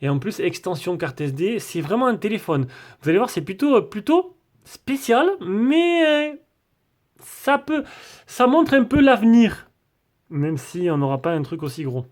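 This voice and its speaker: A man's voice: high-pitched, big pitch swings, unhurried, darkish tone. A man doing a casual, rambling tech review, full of fillers and restarts.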